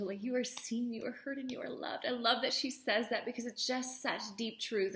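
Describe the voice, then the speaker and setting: A woman's voice: on the high side, a bit bright. Earnest woman vlogger in an echoey room. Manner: earnest, encouraging, rambling with restarts. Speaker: co-host. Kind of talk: heartfelt vlog talk.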